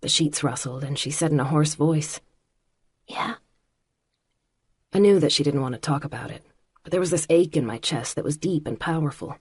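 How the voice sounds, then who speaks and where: A woman narrating an audiobook in the first person with a measured, quietly intimate reading. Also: low-pitched, husky, dry recording.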